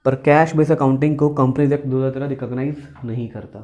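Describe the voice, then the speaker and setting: He talks fast, his mid-range voice dark and fairly even in intonation, heard through muffled audio. In this classroom accountancy lecture he asks questions, repeats the important points, uses "beta" for his students, and mixes Hindi with English terminology.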